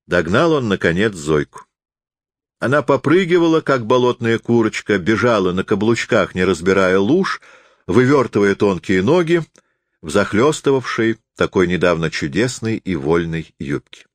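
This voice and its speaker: A man reading a novel aloud as an audiobook narrator, in an expressive storytelling manner. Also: lowish voice, moderate pace, no echo, studio quality. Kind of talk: scripted literary narration.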